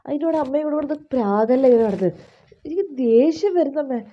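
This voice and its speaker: A woman acting as an exhausted, frustrated young new mother in a comic family skit, speaking in halting, pleading phrases. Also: sits high, animated, lo-fi sound. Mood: distraught.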